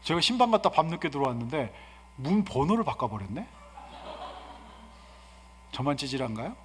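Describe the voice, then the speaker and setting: A male guest pastor giving an animated, humorous sermon and asking the congregation questions. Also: fairly high pitch, normal speed, a little hiss or hum. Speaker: guest pastor and seminar speaker. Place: church sanctuary. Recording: reverberant church hall.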